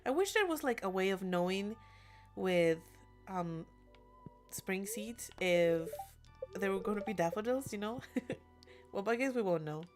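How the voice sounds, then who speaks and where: Young woman game streamer, English not her first language, laughs a lot, mid-range voice, soft music underneath. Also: medium pitch, expressive, a little slow, pauses often. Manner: giggly, chatty, reads chat messages aloud. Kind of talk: casual live-stream chat. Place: alone in a room.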